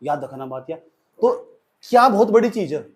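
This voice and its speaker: In a classroom English lecture, a man with an Indian accent switches between Hindi and English and dramatizes sample sentences. He speaks fairly high and sing-song at a moderate pace.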